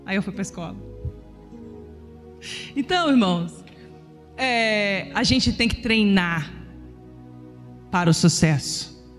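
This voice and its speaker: A woman's voice: mid-range voice, slow, pauses often, in a large hall, faint music behind. A middle-aged woman preacher telling a chatty family story in her sermon. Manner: animated, chatty anecdotes.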